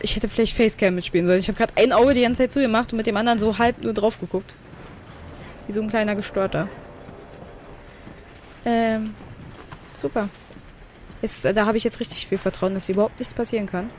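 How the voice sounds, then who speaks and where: A woman giving blind commentary on a video game, chatty, talking to the game and reading menu text out loud. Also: fairly high pitch, slight background noise. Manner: thinks aloud and reads game menu text out. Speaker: let's player.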